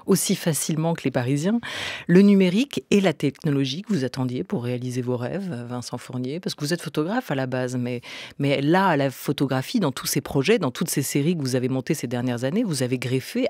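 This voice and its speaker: A male radio host leads an interview with long, conversational questions, his voice sitting at an ordinary middle pitch. The studio sound is dry, with no room echo. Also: a little mellow. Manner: conversational, asks long questions with light fillers.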